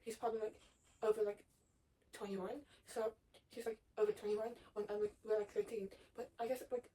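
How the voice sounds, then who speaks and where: A woman's voice: mid-range voice, flat delivery, a little fast, dark tone. A young woman from Texas, a little out of breath, telling a casual story with lots of fillers and swearing. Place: her bedroom. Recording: far from the mic, faint room noise.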